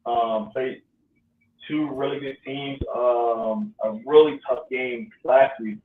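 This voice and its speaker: A man's voice: mid-range voice, fairly even intonation, slow, a little hiss or hum. A man hosting casual sports talk, rambling with lots of ums. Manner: loose, rambling, many ums. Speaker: podcast host. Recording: echoey, distant, phone-like audio.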